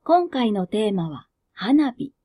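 Slow, mellow-voiced Kansai woman. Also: fairly high pitch, sing-song. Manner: slow, soft, self-mocking. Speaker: narrator and host of a reading channel. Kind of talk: reading flash fiction aloud, then casual chat.

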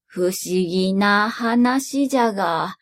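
A woman voicing a simple old village grandfather with slow, lowered, rustic speech. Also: close to an everyday voice. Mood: earnest.

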